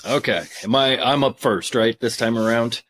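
A man's voice: mid-range voice, normal speed, fairly bright tone. A man in his thirties co-hosting a casual podcast over a video call from his workshop, easygoing with dry humor. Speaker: podcast co-host. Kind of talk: casual chat. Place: home workshop. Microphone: headphones and studio mic on video call.

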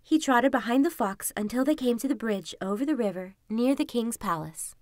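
Gentle woman reading a story. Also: fairly high pitch, lively intonation, normal speed, dry recording, clean studio sound. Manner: soft, gentle, soothing. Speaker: podcast host and storyteller.

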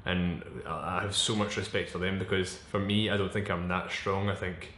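A man in his twenties speaking candidly in a personal vlog, halting and searching for words, with frequent restarts and blunt swearing. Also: low-pitched, level tone, fairly bright tone, a little hiss or hum. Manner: frank and swearing. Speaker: vlogger. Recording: echoey room.

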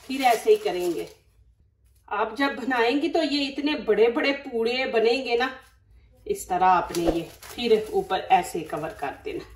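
This is a slightly high female voice, recorded from a distance in a roomy space, with a little hiss or hum in the background. She is a cooking channel host with a Pakistani Urdu accent, giving a chatty, instructive demonstration in her home kitchen and often saying religious phrases.

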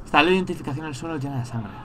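A man giving casual let's-play commentary, thinking aloud and breaking into excited rants. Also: a little high, rapid-fire, a little hiss or hum. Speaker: gameplay streamer.

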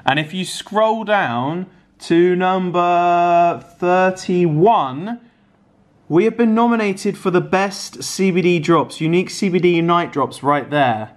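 A young Englishman hosts a casual vlog from his apartment living room, teasing and joking as he chats to a handheld camera. His voice is high-pitched and slow-paced.

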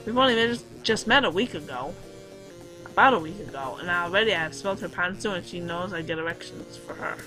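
A woman's voice: lowish voice, fairly quick, over music, close to an everyday voice, rough recording. Woman reading as a flustered teen boy hero. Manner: melodramatic, breathless inner monologue. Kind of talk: reading a visual novel aloud.

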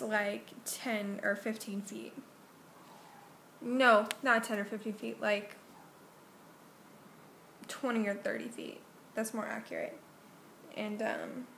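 A young woman talks straight to her camera, just out of bed, and rambles through a story with constant fillers and corrections. Her voice sits a little high and has plenty of gravelly fry. The room around her sounds echoey, with a faint hiss underneath. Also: a bit bright. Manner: filler-heavy, self-correcting, meandering. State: just woken up. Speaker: vlogger.

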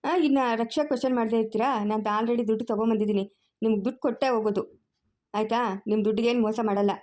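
A woman playing a calm, firm young woman who reasons and reassures in a family drama. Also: on the high side, very fast, natural voice.

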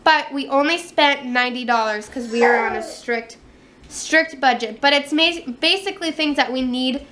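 Holding the camera at arm's length in her kitchen, a family vlogger in her twenties gives a casual show-and-tell, speaking in brief, hesitant bits. She has a high-pitched American voice, and the handheld camera picks up plenty of kitchen noise.

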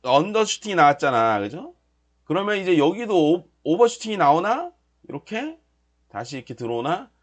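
A man running a live futures trading stream, explaining charts and then shouting and cheering as the price moves. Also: fairly high pitch, big pitch swings, normal speed. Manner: explaining in casual lecture tone. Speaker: trading instructor.

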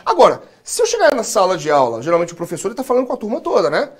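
This Brazilian Portuguese-accented man talks rapid-fire in a high, slightly rough voice with huge swings in pitch. He's teaching English live, running call-and-repeat drills and joking with the class.

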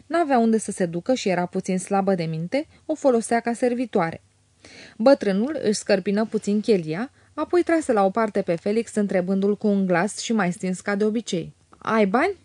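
A woman narrating a classic novel as an audiobook in a measured, even way. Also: medium pitch, dry recording, studio quality.

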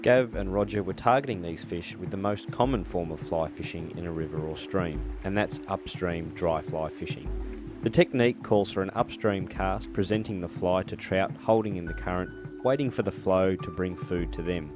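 A man reading scripted documentary narration in a calm, measured, explanatory way. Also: deep voice. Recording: voice-over with loud background music.

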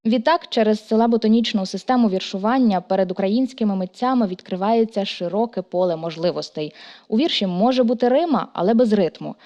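A woman narrating a program in a scripted voice-over, reading smoothly and evenly. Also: mid-range voice, a little fast, dark tone, dull audio, soft background music.

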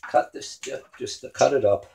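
At a moderate pace and with a slightly mellow voice, this man runs a home cooking show from a small kitchen, cutting meat as he talks in a casual, crude way. He's joking the whole time he chops. The camera on the counter picks up clattering kitchen noise too.

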